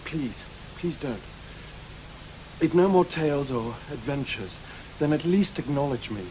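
A man's voice: fairly high pitch, animated, measured pace, a little mellow, a little hiss or hum, rough recording. An actor playing a proud, unhinged man who believes he is Sherlock Holmes, grandiose and taunting, with a British accent in a radio drama. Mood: pleading. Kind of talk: studio radio drama acting.

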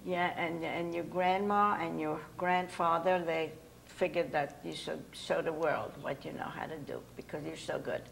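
Speaking at a moderate pace in a low, gravelly, slightly bright voice, this older Hungarian-born woman hosts a relaxed studio talk show, laughing frequently as she interviews guests on a lapel mic. The low-quality recording has a bit of background noise.

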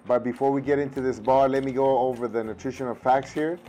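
A husky-voiced man, recovering from having lost his voice, reviews snacks at a table indoors at home, recorded on a lapel mic with slight background noise. His mid-range voice is warm and fairly even, and he talks fast. Easygoing, he thinks aloud with fillers in this casual taste-test vlog and switches to Spanish with his kids.

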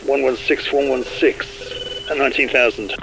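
Gravelly man on oxygen mask radio. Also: medium pitch, steady tone, normal speed. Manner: terse, loud, clipped callouts. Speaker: player flying a combat flight simulator. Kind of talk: clipped radio brevity calls. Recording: noisy radio comms.

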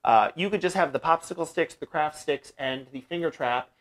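A man's voice: a little high, moderate pace. A young man hosting a casual DIY pet-care vlog from a small room at home, explaining things in a friendly way with lots of "uh" fillers, on a lapel mic. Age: young adult. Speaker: bird-keeping channel host. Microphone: lapel mic, seated facing camera.

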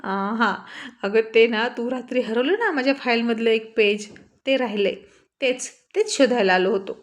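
A nervous young man caught out, stammering and begging to be let in, with a woman narrator doing his voice. He talks louder and higher than the storyteller's own telling, in a spoken storybook. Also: normal speed, natural voice. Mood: flustered. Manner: stammering, pleading. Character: young man caught peeking, flustered and pleading.

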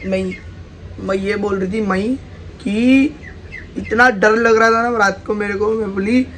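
A woman's voice: medium pitch, fairly even intonation, measured pace, a little hiss or hum, low-quality recording. Teasing, giggly woman with a lilt. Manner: teasing, giggly, talks to viewers. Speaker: vlogger, co-host. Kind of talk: casual home vlog chat. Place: home, indoors.

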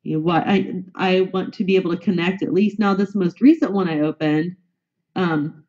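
A news reporter appearing as an interview guest answers questions while suffering a bad cold, indignant and repeating herself as she airs a grievance. Her voice is on the low side with a darkish tone, and the recording sounds muffled.

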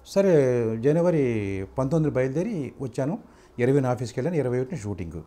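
An older man, a film actor, recounting his career in a soft-spoken, casual interview manner, speeding up when he retells conversations. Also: mid-range voice, sing-song, fairly quick.

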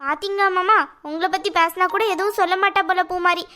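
A woman's voice: very high-pitched, steady tone, fast talker, sharp tone. A woman voicing a sly, meddling young sister-in-law in a cartoon, taunting sarcastically in a Tirunelveli Tamil accent. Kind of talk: cartoon voice acting.

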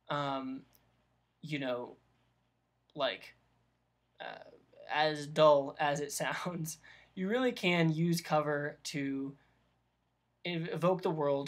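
A man's voice: a little high, fairly bright tone. A man hosting a vlog, explaining game ideas in a casual, rambling way with many ums and restarts. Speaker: vlog host giving dungeon master advice. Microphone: camera mic.

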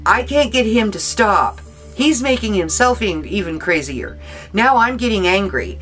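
A woman vlogger talking unhurriedly to her camera, telling a story with an animated, exasperated manner. Her pitch swings widely as she acts out the quotes. Soft music sits faintly underneath. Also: a little slow. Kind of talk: casual storytelling monologue.

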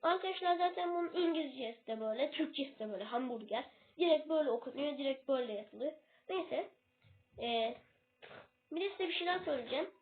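A woman's voice: high voice, expressive, fast. A woman giving a casual English lesson in a video, hesitant and often losing her place before correcting herself. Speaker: self-made English tutor. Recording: tinny phone-like recording.

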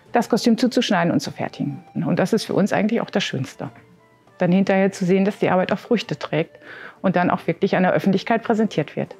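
A woman's voice: lowish voice, darkish tone. A woman teacher proudly explaining her students' costume work. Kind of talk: interview statement.

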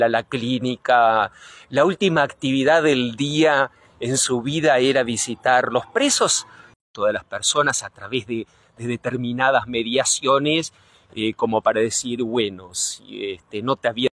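Being interviewed before a church with a handheld reporter's mic, a middle-aged priest from Argentina answers earnestly and thoughtfully, frequently pausing to find the right words. His mid-range voice is a bit bright, with no echo.

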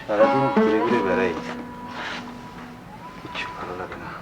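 An actor playing a weary, restless married man in a 1980s TV drama, talking in a listless, low-key way. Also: normal speed, over loud music, close to an everyday voice, low-quality recording.

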